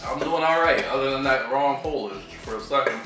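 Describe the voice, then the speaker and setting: A man's voice: mid-range voice, brisk, a bit bright. A young man chatting casually with friends, laid-back and slangy, laughing often. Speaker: guest. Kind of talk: casual chat. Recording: echoey room, mic at a distance, faint music.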